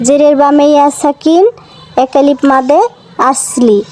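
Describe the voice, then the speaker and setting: A woman teaching Quran reading to children in a slow, patient lesson, spelling out each letter and vowel mark, then repeating the syllable. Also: sits high, fairly even intonation, a little mellow, soft background music, poor audio. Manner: asks the listeners questions and answers them herself.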